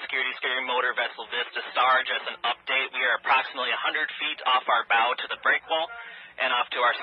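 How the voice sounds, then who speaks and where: A man on a boat radioing urgent updates, repeating his call signs in a hurried way over a marine radio transmission. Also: mid-range voice, background noise. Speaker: vessel captain on the radio. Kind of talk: marine radio distress calls. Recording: dull marine radio audio.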